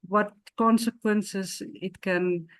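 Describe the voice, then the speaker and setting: A woman guest on a podcast, speaking slowly and haltingly as she shares her parenting experience. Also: mid-range voice, steady tone, clean tone, no echo. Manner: slow and measured, halting. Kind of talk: casual conversational sharing.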